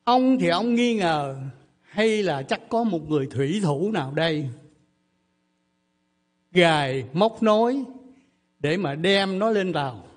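A man's voice: high-pitched, lively intonation, slow, pauses often. A man, preaching a sermon as a pastor, telling a story and leading a prayer earnestly. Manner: earnest storytelling, acting out voices in quotes. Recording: faint mains hum.

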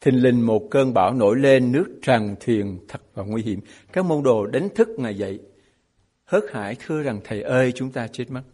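A man's voice: medium pitch, expressive, moderate pace, mellow, husky. A man preaching a sermon as a pastor, emphatic and asking his congregation rhetorical questions.

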